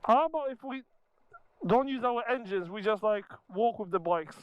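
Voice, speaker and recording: A lively, high-pitched Polish motorcycle vlogger chats with riding companions outdoors during a motorcycle ride, trading sweary, informal banter at normal speed. He's recorded through a helmet-mounted microphone on a noisy helmet intercom, and the recording is muffled.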